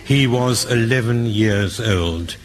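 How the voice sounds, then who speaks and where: A man speaking as a radio panelist, with a dry, measured wit. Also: on the low side.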